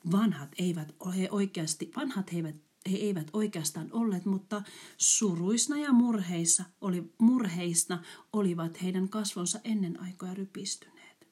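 A woman reading a fairy tale aloud in a soft, breathy voice that often drops to a whisper. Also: medium pitch. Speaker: storyteller.

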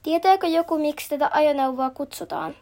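A woman reading out the part of a kind male bear doctor in a children's picture book, explaining gently and patiently. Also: high voice, natural voice. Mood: friendly.

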